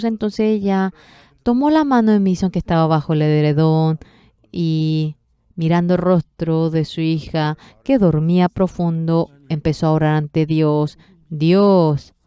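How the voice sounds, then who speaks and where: Female sermon interpreter, low mellow voice, unhurried, measured storytelling. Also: clear, resonant tone, no echo, lo-fi sound.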